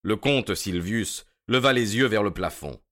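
A man narrating a detective story in measured, even scripted narration. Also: lowish voice.

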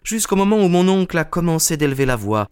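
A man's voice: on the high side, big pitch swings, fast, clean tone, dry recording, clean studio sound. A man voicing an earnest, polite young woman in an audiobook reading. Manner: polite, sincere.

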